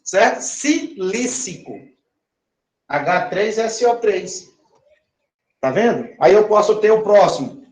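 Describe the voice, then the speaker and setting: A man's voice: sits high, animated, unhurried, darkish tone. A man teaching chemistry, drawing out words and often checking that his listeners follow. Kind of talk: recorded classroom lesson. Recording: echoey room.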